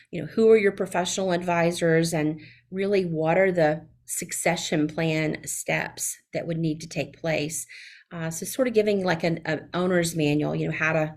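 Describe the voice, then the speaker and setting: A middle-aged woman with a Southern US accent, speaking as a guest in a podcast interview, with many fillers and restarts. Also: lowish voice. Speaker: guest, CPA.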